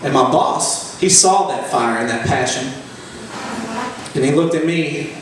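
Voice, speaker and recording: Picked up from far off in an echoey room with faint noise, a man in his 20s delivers stand-up storytelling. His tales are crude and bragging, told in a mock-heroic manner. His voice is medium-pitched and his pace unhurried.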